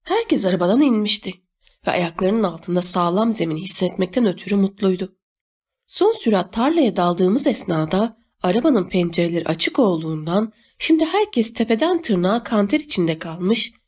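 Woman reading an audiobook, steady even narration, mid pitch. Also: slightly rough. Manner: steady storytelling read. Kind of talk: scripted narration.

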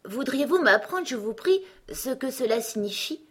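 A woman voicing a polite, curious young girl who asks earnest questions, with a husky voice. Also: high-pitched, animated, normal speed, voice pushed up. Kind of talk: storybook reading.

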